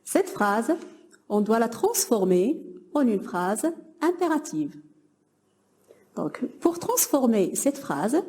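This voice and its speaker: A woman's voice: fairly high pitch, dark tone. A young woman teaching a grammar lesson to middle-school pupils, patiently explaining and praising imagined answers.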